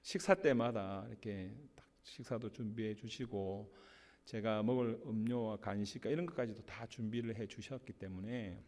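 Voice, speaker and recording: A man's voice: on the low side, normal speed. A man pastor giving a sermon, telling a personal story in an easygoing, anecdotal way. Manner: storytelling with warm anecdotes and light laughs. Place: church sanctuary. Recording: long hall reverb from the church.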